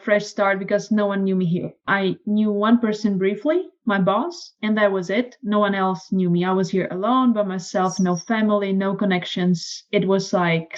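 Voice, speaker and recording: A woman with a Czech accent, a podcast guest telling her story in casual conversation, lively and acting out quoted lines. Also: muffled recording. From Czech Republic. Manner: animated, acts out quoted lines in a higher voice.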